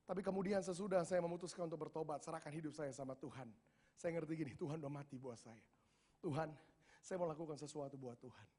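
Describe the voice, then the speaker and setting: A male pastor, preaching a testimony sermon with casual slang, moving from soft prayerful lines to loud emphatic ones. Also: on the high side, quick pace, husky. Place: church hall. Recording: long reverb of a large hall.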